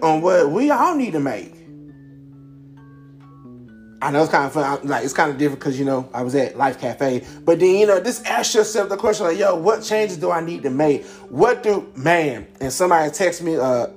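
A man's voice: a little high, a little mellow. A man hosting a casual motivational talk, rambling and slangy, often repeating himself. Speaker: podcast host.

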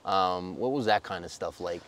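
A man's voice: sits low, moderate pace, a bit bright. A man hosting a casual, conversational interview. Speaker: interviewer, host.

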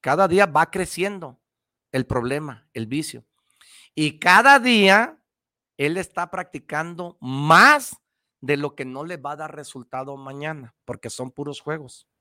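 Delivering motivational advice on the radio, this father of a young child has a slightly high, pushed and bright voice at a measured pace. He preaches, repeats himself, and talks straight to the listener, recorded at studio quality with no room sound.

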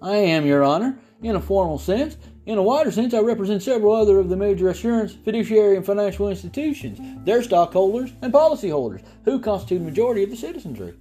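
Man playing a high, jittery old barrister; florid and rushed. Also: very animated, warm tone, soft background music. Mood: pleading. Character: nervous pompous older male lawyer.

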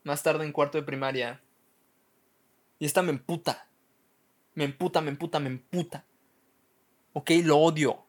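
A man's voice: fairly high pitch, steady tone, moderate pace, pauses often. A young man with a Mexican accent telling comic childhood stories on his podcast, swearing freely and often stumbling over repeated words. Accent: Mexican Spanish. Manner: profane, self-mocking, stumbling repeats. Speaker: podcast host. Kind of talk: casual comic storytelling.

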